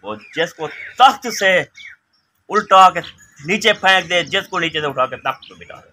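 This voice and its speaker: Here the man's voice is high-pitched, bright and pushed, expressive yet at a normal speed. With a Pakistani accent, he holds forth casually and forcefully in a village yard, circling back to the same phrases as he argues. It's an outdoor phone clip with clear background noise.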